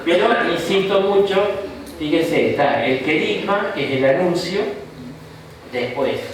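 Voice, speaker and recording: A man's voice: on the high side, animated, unhurried, recorded from a distance, a crowd in the background. Argentine man lecturing in an echoey hall. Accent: Rioplatense Argentine Spanish. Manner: chatty and jokey, with frequent rhetorical "¿no?". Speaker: bishop teaching a Bible course. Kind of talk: informal classroom lecture. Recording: echoey room recorded from afar.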